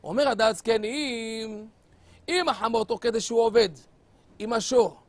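A man preaching with animated, theatrical storytelling and addressing his audience directly. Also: very high-pitched, dry recording. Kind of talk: storytelling sermon.

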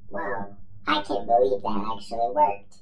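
A man's voice: fairly low pitch, fairly even intonation, a little slow, a little hiss or hum, lightly acted. A man voicing a cheerful male robot magician who presents tricks with upbeat showman patter. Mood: amazed. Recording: roomy echo with faint music.

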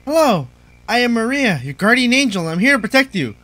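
Eerie, coaxing female guardian angel spirit, done by a man, high, lively voice. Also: a little fast, dry recording, heavily acted.

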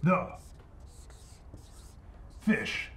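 A man's voice: extremely slow, a bit bright. A man teaching kids grammar in a playful, upbeat superhero persona. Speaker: teacher playing a comma superhero. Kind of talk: educational video for kids.

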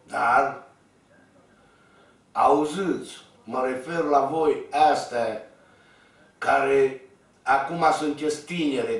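A man's voice: medium pitch, a bit bright, heavy reverb, distant mic. A man telling a personal story in a blunt, colloquial way, talking straight to his listeners. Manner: coarse, blunt, colloquial, addressing listeners directly. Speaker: storyteller vlogger. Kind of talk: rambling spoken storytelling.

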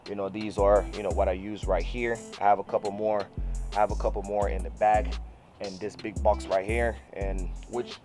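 A man in his thirties with a fairly low voice talks casually to the camera like a hands-on instructor. He explains step by step, often repeating words and addressing viewers directly. He is recorded outdoors on a camera mic, with clear music behind him. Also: flat delivery, normal speed. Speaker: mobile car detailer and video host. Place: outdoors on an open rooftop parking lot beside a van. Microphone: camera mic, mostly handheld at arm's length.

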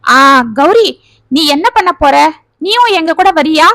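Lady doing an older mom, earnest and pushy, high voice. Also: expressive, measured pace, a bit bright, no echo, heavily acted. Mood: insistent. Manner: earnest, insistent. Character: caring older mother-in-law, devoted and insistent.

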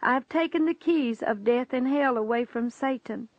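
A woman reading the lines of Jesus in a testimony story, with grave, measured pronouncements. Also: sits high, no room sound, natural voice. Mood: solemn reproach. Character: solemn male Jesus, stern and sorrowful. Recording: dull, dry lo-fi recording.

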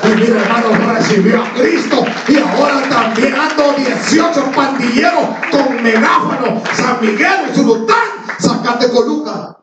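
A male pastor preaching a sermon in an animated way, calling his listeners "brother" again and again. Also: very high voice, unhurried, few pauses, over loud music. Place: church service before a congregation. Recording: echoey church hall, mic far off, dull lo-fi sound, congregation audible.

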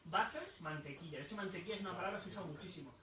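A high-voiced man gives a live talk at a bookshop, explaining patiently and throwing questions to the audience. The room is echoey and he sounds distant from the mic. A faint murmur of room noise sits underneath. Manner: explains slowly, repeats words, asks the audience questions. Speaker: book author presenting his book.

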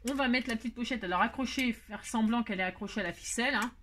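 A woman's voice: fairly high pitch, fast, a bit bright, a little hiss or hum. A woman hosting a casual scrapbooking tutorial at home, chatting to viewers in a rambling, self-mocking way as she works. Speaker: craft tutorial host.

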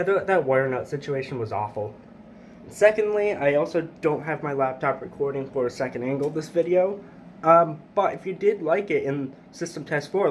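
A man's voice: mid-range voice, slight background noise. A man chatting casually as he hosts a hobby equipment demonstration, recorded indoors on a handheld camera. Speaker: hobbyist video host. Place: indoors, beside plywood test board.

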